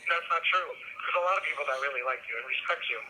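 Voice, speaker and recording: A man's voice: fairly high pitch, fast talker. A man talking on a prison phone call in a teasing, sarcastic way, over a phone line. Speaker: inmate on a call. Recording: phone line with faint noise.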